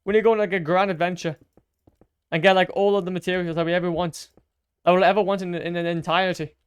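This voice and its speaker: A young man chats through a live stream while he builds, joking at his own expense and humming little sound effects between remarks. His voice is smooth and clear and sits a touch high for a man. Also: flat delivery, quick pace, dry recording. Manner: chatty, self-mocking, hums little sound effects.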